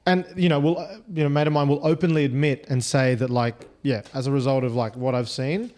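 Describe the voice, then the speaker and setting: Quick-talking man, rambling with "like". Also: mid-range voice, fairly even intonation, darkish tone. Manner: rambling, restarts, many "like" fillers. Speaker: podcast co-host. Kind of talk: casual podcast chat.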